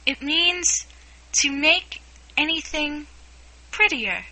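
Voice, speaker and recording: Woman playing a curious polite young girl, slightly indignant, bright clear voice, storybook. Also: high-pitched, animated, slow, voice pushed up, full character voice, rough recording.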